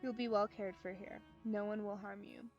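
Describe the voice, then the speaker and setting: A woman voicing a calm, formal young man who is gently protective and speaks in a measured, polite way. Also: mid-range voice, highs cut off, faint music behind, natural voice.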